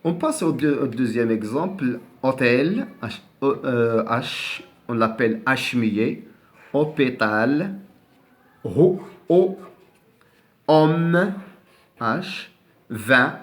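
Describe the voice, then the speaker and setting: Male teacher, slow and deliberate, repeats and spells words, hesitant restarts. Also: mid-range voice, lively intonation, a bit bright. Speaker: French teacher. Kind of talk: classroom lesson on silent letters.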